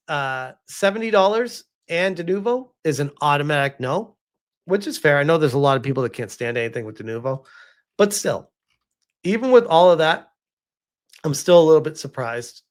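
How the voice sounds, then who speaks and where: Reacting to gaming news on a livestream, this man sounds animated, his voice a little high. His commentary is casual and disbelieving, with stop-start, emphatic phrasing and plenty of rhetorical questions.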